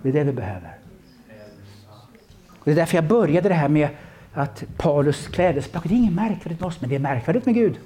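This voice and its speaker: A man preaches with a lively, swooping delivery and a fairly high voice. He tells stories in bursts, restarting and repeating words as he goes. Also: long pauses. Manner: animated storytelling with many restarts. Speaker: pastor. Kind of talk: sermon.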